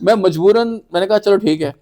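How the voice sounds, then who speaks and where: A man's voice: sits high, a little fast, dark tone. A man chatting with an old friend on a podcast, recounting things in a wry, self-mocking way. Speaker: podcast co-host. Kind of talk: casual chat between old friends.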